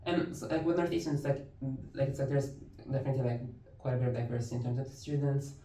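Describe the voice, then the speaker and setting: A man's voice: medium pitch, fast talker, mellow. A young adult man from Lebanon, a university instructor talking as a podcast guest in an easygoing way, leaning on "like" and "it's like". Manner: easygoing, fills speech with "like" and "it's like". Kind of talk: casual interview conversation. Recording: roomy, distant mic.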